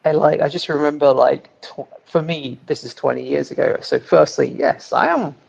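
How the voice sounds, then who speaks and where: Gravelly, husky man on a lo-fi call. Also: fairly high pitch, steady tone, moderate pace, darkish tone. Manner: musing, conversational. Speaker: panelist. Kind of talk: casual chat.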